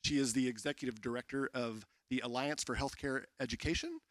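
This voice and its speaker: Bright-voiced male event emcee. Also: mid-range voice, steady tone, brisk, dry recording. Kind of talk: introducing speakers. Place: conference stage.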